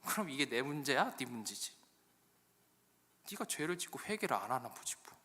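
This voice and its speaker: A man's voice: medium pitch, animated, slow, bright, forceful tone. A man acting out a bossy, irritable husband who scolds his wife sarcastically. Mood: indignant. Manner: barking, belittling, sarcastic. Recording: long echo of a church hall.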